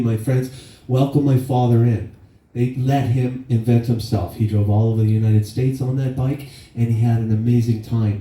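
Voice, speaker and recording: A man in his fifties delivers a eulogy in an echoey hall, heard from far off the mic. His voice is dark and mellow, and he tells stories in a plain, casual way with some swearing. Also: mid-range voice. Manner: storytelling with laughs and acted quotes. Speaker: son giving a eulogy. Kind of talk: eulogy speech. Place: memorial gathering in a hall.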